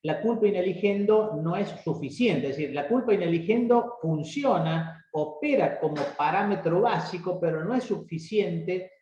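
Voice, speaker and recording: A man with an Argentine Spanish accent moderating a legal webinar, explaining in a measured way with hesitant restarts over a video call. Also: sits high, animated, warm tone. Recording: echoey, muffled video-call audio.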